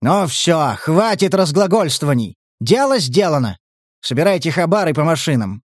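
A man voicing a gruff, foul-mouthed mercenary commander who gives curt orders. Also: on the high side, sing-song, normal speed, dry recording, clean studio sound, pitched above the performer's own voice. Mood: curt commanding.

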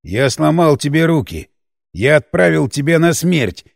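A man voicing a hoarse, cursing captive in an audiobook, furious and frightened. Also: fairly high pitch, sing-song, a little slow, dry recording, clean studio sound, full character voice. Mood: angry, scared. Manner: snarling, cursing. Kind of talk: audiobook character voice.

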